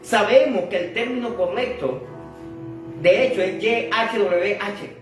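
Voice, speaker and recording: A male preacher delivers an emphatic sermon at an unhurried pace, repeating words and restarting phrases as he speaks directly to his listeners. He is recorded from well back in a hugely echoing hall, with faint music underneath. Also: high-pitched, recorded from a distance. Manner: emphatic, addresses the congregation directly.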